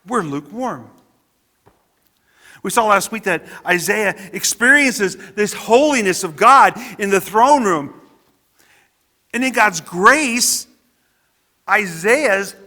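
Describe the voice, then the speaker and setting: A man's voice: high-pitched, bright, forceful tone, long reverb tail. A man preaching a sermon as pastor in a church, talking earnestly and conversationally and often restarting his sentences. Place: church sanctuary.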